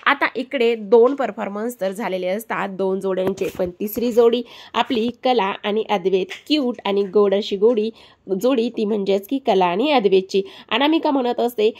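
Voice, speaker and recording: A woman narrating a TV serial episode recap, addressing viewers directly in a lively way. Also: mid-range voice, moderate pace.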